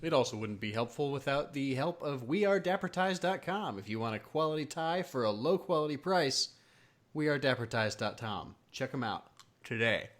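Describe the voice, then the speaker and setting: A man's voice: medium pitch, expressive, normal speed. A man co-hosting a casual podcast, joking around and doing playful ad reads. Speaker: podcast co-host.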